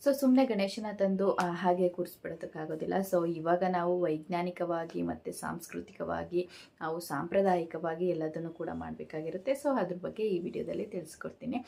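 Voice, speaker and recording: Talking to camera, a woman vlogger gives a relaxed step-by-step guide to festival rituals in a voice that sits on the low side and has vocal fry. She keeps a steady explanatory flow, with frequent "so"s and hesitation sounds.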